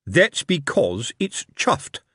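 A man voicing a blustering middle-aged male watch sergeant who bluffs his way through answers in a slow, drawn-out manner. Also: on the high side, big pitch swings, fairly bright tone, no room sound, studio quality, voice pushed up, heavily acted.

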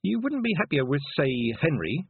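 A man voicing a sharp-witted young farm girl, speaking in a higher, flustered voice. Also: big pitch swings, normal speed, breathy edge, no room sound, full character voice. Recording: tinny phone-like sound.

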